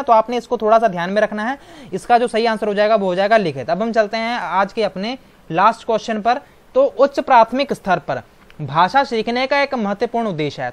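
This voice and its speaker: Brief: male exam-prep tutor, patient explainer with constant tag questions. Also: high voice. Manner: explanatory, keeps adding "right?" tag questions. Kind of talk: online exam-prep lecture.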